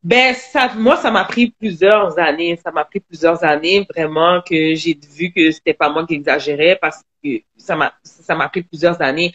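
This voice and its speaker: A woman with a Quebec French accent, a guest telling her own story in an online live interview, halting with many restarts. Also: fairly low pitch, fairly even intonation, fairly bright tone, lo-fi sound.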